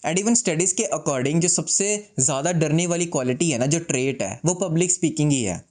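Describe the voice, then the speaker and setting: Man, vlogger, slightly high voice, slow and composed, deliberate pauses, mixes in English, self-deprecating humor. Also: expressive, darkish tone. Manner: mixes English phrases into Hindi; self-deprecating, joking asides. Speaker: YouTuber. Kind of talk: casual advice vlog to camera. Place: seated indoors.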